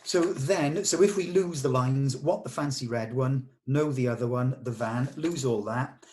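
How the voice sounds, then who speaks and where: During a casual table-read discussion, a man works through the script, musing aloud and issuing short, clear instructions for changes. His voice is mid-range and slightly mellow, and he keeps a measured pace.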